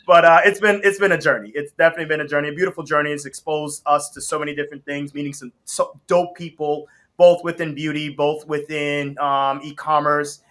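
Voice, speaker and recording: A relaxed, slangy man in his thirties, born in Haiti and raised in the area. His voice sits a little high and rings bright and forward. He tells his story in an easygoing interview manner, laughing often. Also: a little fast, hardly any pauses. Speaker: guest, brand co-founder. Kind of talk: casual interview talk.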